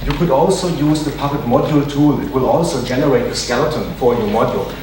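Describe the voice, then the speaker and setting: A non-native English-speaking man with a medium-pitched voice talks quickly while giving a conference talk and answering audience questions. He is hesitant, with many fillers and restarts. The recording in a large conference hall is echoey, noisy and taken from a distant mic.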